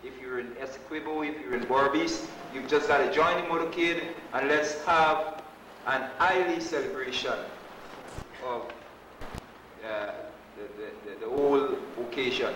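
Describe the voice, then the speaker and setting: A man making a public announcement at a gathering in Rastafari speech, speaking in a halting, deliberate way with long pauses. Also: fairly high pitch, animated, a bit bright. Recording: echoey, distant microphone with background noise.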